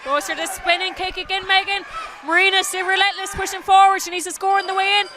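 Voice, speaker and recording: A man giving live play-by-play fight commentary from ringside in short, punchy, excited calls. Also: very high voice, fast talker. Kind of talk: live combat sports commentary. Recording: noisy live venue, loud crowd.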